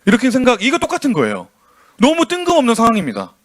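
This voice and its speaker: A man preaching to children with a very high, bright-sounding voice that swoops up and down. He tells the story with lively energy and keeps throwing questions to his young listeners. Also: fast talker. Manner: animated storytelling with questions to the kids. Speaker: children's pastor. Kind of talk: sermon for children.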